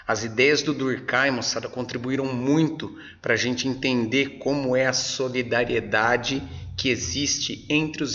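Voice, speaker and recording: A man's voice: mid-range voice, fairly bright tone, dull audio. A man with a Brazilian Portuguese accent teaching a casual, upbeat lesson to exam students, often checking in with his class in slang.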